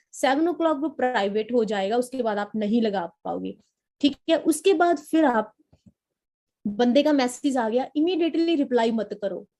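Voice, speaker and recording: A young woman from Punjab giving a lively, repetitive training talk to a sales team as its trainer. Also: fairly high pitch. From Punjab, India. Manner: coaching, repetitive, lively storytelling. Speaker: network marketing trainer.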